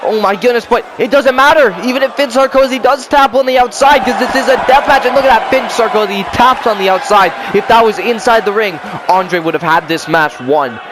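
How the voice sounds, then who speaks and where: A man with a high voice calls wrestling action in a loud, exclamatory rush, cracking jokes between the big moments. Steady noise hums under the recording. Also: brisk, hardly any pauses, a crowd in the background. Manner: shouting, exclamatory, jokey. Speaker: play-by-play commentator. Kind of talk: excited wrestling commentary.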